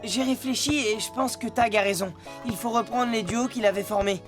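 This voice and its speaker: Woman voicing an earnest, high-voiced cartoon boy. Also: moderate pace, lightly acted. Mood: conciliatory. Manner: sincere, conciliatory. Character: earnest young boy football team captain. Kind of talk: French animated series dubbing. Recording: music behind the voice.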